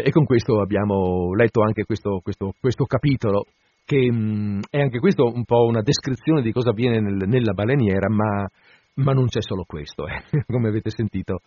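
A male radio host reading a novel aloud with theatrical expression, then chatting to listeners in relaxed asides. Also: fairly low pitch, slightly rough, dry recording. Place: radio studio. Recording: dull dry radio broadcast.

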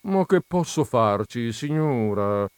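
A man's voice: mid-range voice, animated, slow, clean tone, no room sound, clean studio sound. A man doing a fretful, deferential landlord. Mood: plaintive. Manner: plaintive, complaining, deferential. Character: harried, deferential landlord, middle-aged man.

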